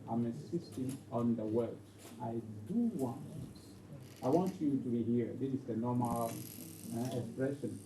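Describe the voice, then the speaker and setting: Here an unhurried man with a mid-range voice leads an English grammar lesson, going over points repeatedly and asking "okay?" to make sure students follow. Faint noise sits under a distant, roomy, dull lo-fi recording.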